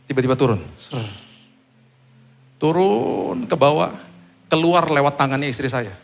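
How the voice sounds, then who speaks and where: A man preaching a sermon, telling a personal testimony in an animated way and acting out the dialogue. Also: unhurried, vocal fry. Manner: animated storytelling, acting out dialogue with big pitch jumps. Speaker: pastor.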